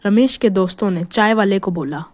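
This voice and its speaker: A woman narrating a scripted horror story in a hushed, suspenseful manner. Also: medium pitch, moderate pace, dry recording.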